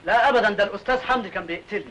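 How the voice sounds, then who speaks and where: A man's voice: sits high, rapid-fire, a bit bright, slight background noise, poor audio. An actor with an Egyptian accent playing a flustered, fearful, put-upon man who protests frantically, in classic film comedy style. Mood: indignant.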